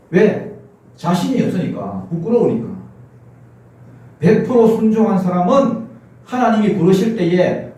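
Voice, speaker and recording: A man's voice: high-pitched, mellow. A man preaching a sermon as pastor with a Gyeongsang accent, putting questions to the congregation. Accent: Gyeongsang Korean. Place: church sanctuary. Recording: very echoey church hall, mic at a distance.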